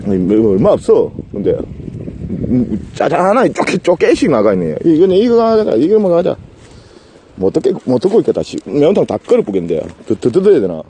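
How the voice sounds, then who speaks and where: A man's voice: fairly high pitch, huge pitch swings, normal speed, mellow, a little hiss or hum. A man with a Gyeongsang Korean accent chatting casually to viewers outdoors, joking, stammering and rambling. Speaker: vlogger and live streamer. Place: outdoors in a rural garden.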